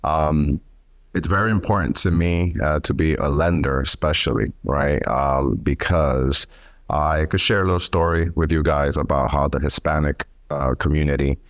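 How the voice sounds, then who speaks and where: A man's voice: rumbling low, normal speed, no echo. A man from New York City in his thirties, a lender speaking on a panel, casual and friendly with many fillers. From New York City, USA. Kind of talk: public speech at a symposium.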